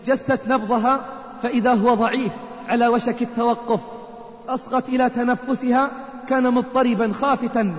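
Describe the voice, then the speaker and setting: A male preacher tells a moral story in a dramatic sermon, often repeating phrases for effect. His voice sits unusually high. The long echo of a reverberant hall surrounds every word.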